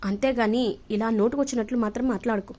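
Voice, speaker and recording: A woman's voice: fairly high pitch, fairly even intonation, fast talker, darkish tone, lightly acted. A woman voicing a stern scolding mother. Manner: scolding, firm. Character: stern older mother scolding her son.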